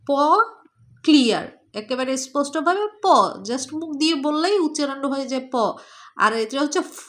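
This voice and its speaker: A woman with a Bangladeshi Bengali accent teaching children letter sounds, saying each one slowly and repeating it for them to echo. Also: high-pitched, a bit bright. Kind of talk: children's pronunciation lesson.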